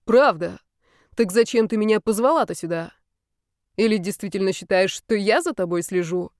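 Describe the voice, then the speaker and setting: A woman's voice: mid-range voice, normal speed, no echo, studio quality, natural voice. A woman reading the part of an arrogant, teasing young male student in an audiobook. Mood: smug. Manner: haughty, teasing.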